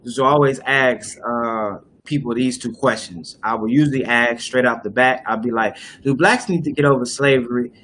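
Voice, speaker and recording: A man's voice: medium pitch, moderate pace, few pauses, fairly bright tone, a little hiss or hum. A young man hosting a casual discussion on a live video call, explaining at length with many fillers and restarts. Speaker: host. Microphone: webcam on a video call.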